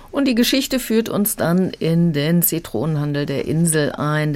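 A woman's voice: sits low, dark tone. A woman acting as a literary critic, who explains and summarizes a novel fluently in a radio interview. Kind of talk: radio book review interview.

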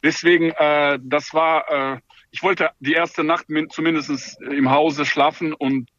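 A man's voice: a little high, steady tone, a little slow, fairly bright tone, no room sound, highs cut off. A man running a farm, speaking German in an interview with many hesitations and restarts. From Ukraine.

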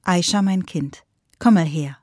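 A kindly old farmer father, speaking low and half-whispered, as a woman storyteller puts him on. The sound is dry and close, with no room around the voice. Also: measured pace, mellow, no echo. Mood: tender.

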